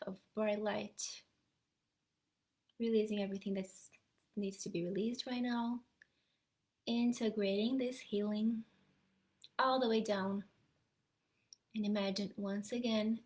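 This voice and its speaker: A young adult woman, an energy healer, softly leading a guided meditation in a slow, half-whispered voice. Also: mid-range voice.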